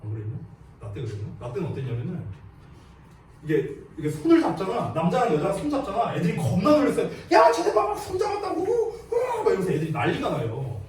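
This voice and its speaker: A man's voice: on the high side, sing-song, fast, a little mellow, recorded from a distance, slight background noise. A man in his thirties teaching a class, telling anecdotes and quizzing his students in a chatty, joking way. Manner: chatty, jokey, asks students questions. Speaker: English teacher. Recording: echoey classroom, voice from afar.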